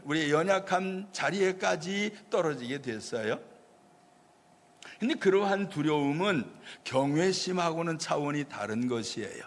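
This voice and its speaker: A man's voice: fairly high pitch, big-room sound. A male pastor preaching a storytelling sermon, acting out the voices of people in the story. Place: church sanctuary.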